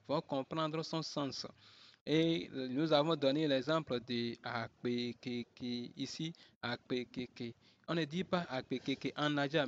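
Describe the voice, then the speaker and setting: A man teaching a language lesson, speaking slowly and deliberately and repeating each point, on a dull, lo-fi recording. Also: on the high side, dry recording.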